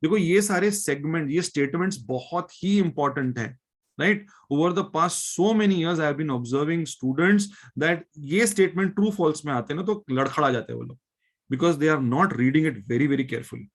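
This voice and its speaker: A male biology teacher with an Indian accent, lecturing a live class, mixing Hindi and English and often checking that students follow. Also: fairly high pitch. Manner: reads textbook lines slowly, then explains them.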